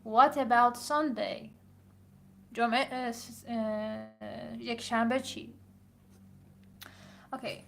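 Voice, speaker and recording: Persian-accented woman, teacher grading papers, slightly high voice, faint background hiss. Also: fairly even intonation, creaky. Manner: switches between slow read-aloud and quick explaining. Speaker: English teacher.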